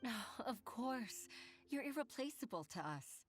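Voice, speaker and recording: An actress playing a warm, reflective older mother and former secretary in a video game, speaking in a measured, tender way. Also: on the high side, very animated, soft background music. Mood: tender, grateful.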